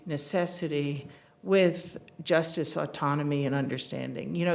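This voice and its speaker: Earnest woman lecturing with many fillers. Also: on the low side. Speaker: invited seminar speaker. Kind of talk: academic lecture.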